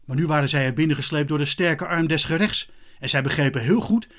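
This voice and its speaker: Man, storyteller, audiobook narration, expressive reading, slightly high voice. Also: quick pace.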